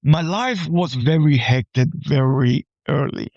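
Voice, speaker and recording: A podcast guest and army veteran, this man in his forties from Puerto Rico has a fairly high, darkish voice. He chats casually about personal things, haltingly, with repeated words and frequent "right?" check-ins; the audio is dull and echo-free.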